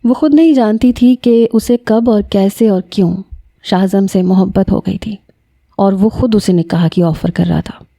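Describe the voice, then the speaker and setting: Woman narrator for an episodic romance read, mellow and steady. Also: mid-range voice, vocal fry. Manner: steady, dramatic storytelling. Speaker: novel narrator. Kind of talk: reading a romance novel aloud.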